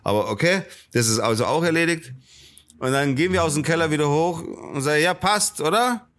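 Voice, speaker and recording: Slangy, animated podcast storyteller man. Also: a little high, fairly quick. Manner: animated, acts out the people he quotes; slangy, peppered with "Alter". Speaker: podcast host. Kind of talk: casual storytelling chat.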